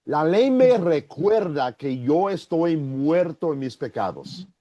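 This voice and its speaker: A man who is a pastor, teaching an online Bible class slowly and deliberately, acting out little examples as he goes. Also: dry recording, dull audio. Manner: slow, deliberate teaching with lively pitch and acted-out examples.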